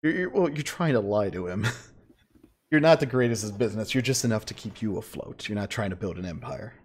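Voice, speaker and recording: A man narrating a tabletop game as game master, in a halting, conversational, improvised way. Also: on the low side, expressive. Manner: halting, conversational, laughs readily.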